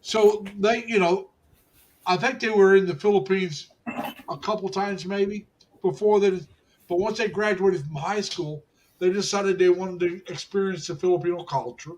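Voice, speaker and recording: A man's voice: high-pitched, steady tone, normal speed. A man in his sixties chatting casually on a livestream, rambling and often restarting his phrases. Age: 60s. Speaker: co-host.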